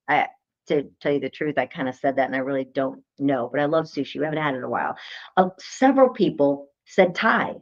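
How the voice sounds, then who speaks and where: A woman's voice: very deep voice, a little fast, muffled recording. A woman co-hosting a local talk show, chatting casually and telling stories with frequent laughter. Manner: chatty, animated storyteller who laughs often. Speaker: co-host. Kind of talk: casual chat.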